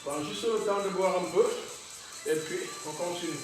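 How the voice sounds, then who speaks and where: At a moderate pace, a man whose voice sits high runs a workout class, offering short, upbeat exercise instructions punctuated by frequent chuckles. He's heard from a distance in a very echoey room, with faint music behind him.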